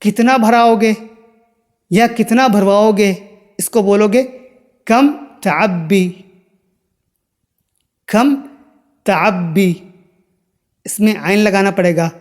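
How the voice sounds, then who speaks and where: A man giving an Arabic lesson in Hindi, slowly repeating each word and stressing exact pronunciation. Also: high-pitched, fairly even intonation, big-room sound. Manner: slow, repeats each word several times. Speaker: Arabic teacher. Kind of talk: spoken language lesson.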